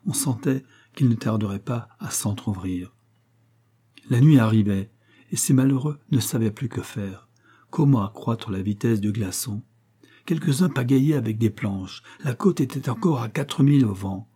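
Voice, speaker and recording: Man, audiobook narrator, classic novel reading, dramatic delivery, dark tone, husky. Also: mid-range voice, normal speed. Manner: dramatic reading, raises voice for shouted lines.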